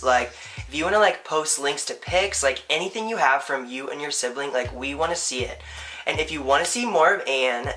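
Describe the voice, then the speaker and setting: A man's voice: a little high, sharp tone. A young man from Ohio hosting a vlog in casual chat, giggly and rambling with lots of fillers. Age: young adult. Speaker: vlog host.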